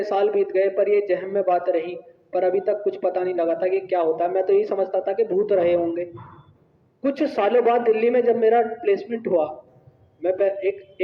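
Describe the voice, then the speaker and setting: A male teacher telling a personal story to his class in an animated, conversational way. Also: high-pitched. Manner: animated, conversational, asks "right?". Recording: echoey hall, tinny phone-like sound.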